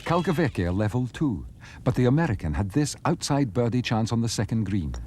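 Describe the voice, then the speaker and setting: A man reading scripted golf documentary narration in a measured, dramatic storytelling way. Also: medium pitch, big pitch swings, a little mellow. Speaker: narrator of golf highlights film. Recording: archive soundtrack, crowd and background noise. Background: crowd noise.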